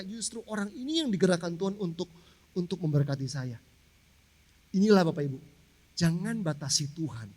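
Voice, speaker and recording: A man preaching a sermon to his congregation, telling a personal story in a casual, conversational way and speaking to the listeners directly. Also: high-pitched. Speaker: pastor. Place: large church hall. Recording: long church hall reverb.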